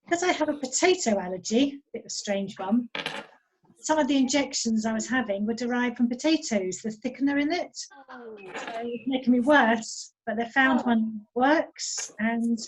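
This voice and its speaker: High-voiced chatty woman on a noisy video call. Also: moderate pace. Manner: cheerful, chatty, laughs between sentences. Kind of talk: casual chat.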